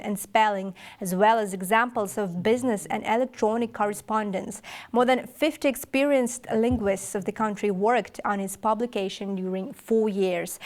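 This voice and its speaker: A woman presenting scripted television news as an anchor. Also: medium pitch.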